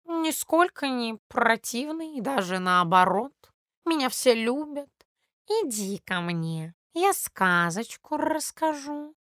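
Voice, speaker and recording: A woman's voice: on the high side, sing-song, a bit bright, dry recording, clean studio sound, exaggerated voice. A woman voicing a lazy, sly tomcat who drawls his excuses in a children's storybook reading. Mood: lazy, coaxing. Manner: slow, drawling, self-excusing. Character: lazy, sly, well-fed tomcat, male. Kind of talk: storybook narration.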